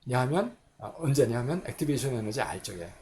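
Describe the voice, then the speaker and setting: A man's voice: mid-range voice, big pitch swings, a little fast, darkish tone, slight background noise. A man giving a recorded chemistry lecture, working through equations step by step and asking and answering his own questions.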